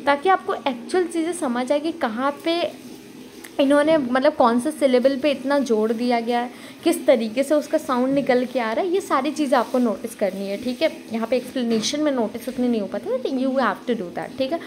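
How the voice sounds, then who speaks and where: A woman's voice: high-pitched, normal speed, a little mellow, slight background noise. A woman tutor giving a casual exam-prep lecture, talking freely, checking in with "okay" again and again, and mixing English terms into Hindi. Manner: talkative, repeats "okay" often, mixes English into Hindi.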